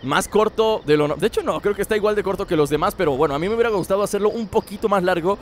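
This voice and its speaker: A man's voice: sits high, racing, slight background noise. A young man giving chatty, joking let's play commentary, laughing often. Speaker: gaming channel host.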